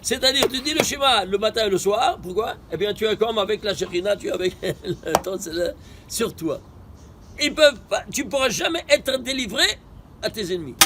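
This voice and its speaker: A man with a notably high voice gives a Torah study lesson. He fires off rhetorical questions and answers them himself. He swings between emphatic bursts and quiet asides, over faint vehicle noise. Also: animated, brisk. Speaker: Torah teacher.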